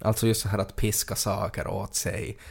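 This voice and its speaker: A man with a fairly low voice co-hosts a casual podcast. He jokes around and spins playful, absurd riffs, laughing easily between his lines. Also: level tone, creaky, breathy edge. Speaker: podcast co-host.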